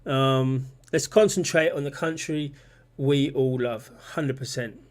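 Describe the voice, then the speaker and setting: Unhurried and medium-pitched, a livestream host chats casually about politics. His talk rambles and circles back on itself as he reads viewers' chat messages aloud.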